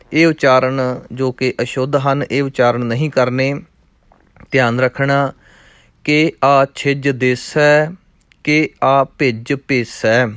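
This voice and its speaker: Slow, clear-voiced man chanting verses. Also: fairly high pitch, no echo, clean studio sound. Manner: measured chanting of verses, then quick spoken corrections. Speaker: scripture recitation teacher. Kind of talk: slow line-by-line recitation lesson with pronunciation notes.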